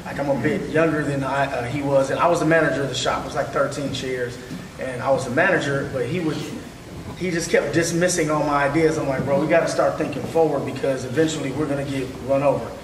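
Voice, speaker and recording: This is a panel discussion where a thirty-something man speaks about barbering in an earnest, chatty way full of fillers. He talks quickly at a medium pitch with fairly level intonation. Recorded from far off by a camera in a large, echoey hall with a seated crowd, the audio has background noise.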